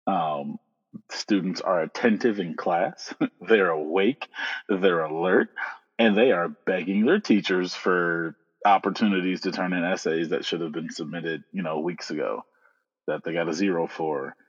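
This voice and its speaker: A man, a school counselor, explaining slowly and measuredly in casual chat with many pauses. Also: deep voice, slightly rough, in a large hall, highs cut off. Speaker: school counselor, podcast guest.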